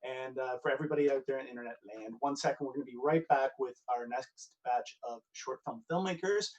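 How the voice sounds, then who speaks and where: A man's voice: medium pitch, a little fast, lo-fi sound. A man hosting a film festival Q&A over a video call, stumbling and apologizing as he talks. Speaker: festival Q&A host. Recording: distant from the mic.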